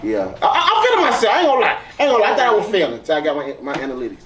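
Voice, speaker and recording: A man's voice: sits high, wildly swooping pitch, rapid-fire, crowd noise. A man hosting a casual chat show, joking and laughing often and boasting about himself. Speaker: host. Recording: echoey room, far from mic, faint noise.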